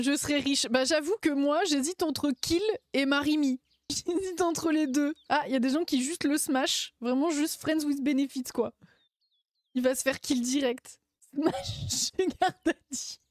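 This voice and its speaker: A woman's voice: sits high, fairly even intonation, normal speed, dry recording, clean studio sound. A woman streamer chatting casually and playfully, laughing often and using lots of slang. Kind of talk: casual live-stream chat.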